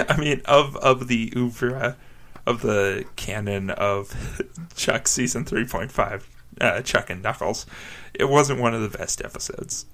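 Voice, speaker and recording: A man in casual joking chat, deadpan and playful, laughing often. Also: medium pitch, slow pace.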